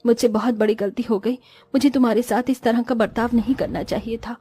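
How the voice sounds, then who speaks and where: A woman's voice: on the high side, fairly even intonation, a little fast, warm tone, faint music behind, close to an everyday voice. A woman voicing a stingy, bossy middle-aged mother-in-law in a cartoon story, with a grumbling way of talking. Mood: apologetic.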